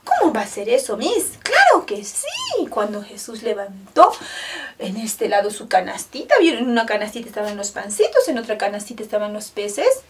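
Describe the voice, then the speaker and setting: A woman's voice: medium pitch, sing-song, a little fast, far from the mic, a little hiss or hum. A woman kindergarten teacher telling a story and leading a lesson for small children in a sing-song, exaggerated, encouraging way.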